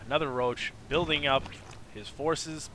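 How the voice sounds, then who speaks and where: Guy casting a strategy game, bright and kinda high, lots of uhs and loud excited bursts, faint clicking behind. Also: measured pace, slight background noise. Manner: filler-heavy, restarts sentences. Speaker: game caster. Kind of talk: esports play-by-play commentary.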